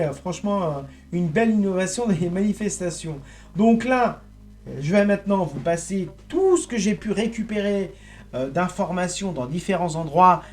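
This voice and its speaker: A man giving a rambling, indignant monologue to his viewers, halting and restarting as he goes. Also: high-pitched, darkish tone. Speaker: online political commentator.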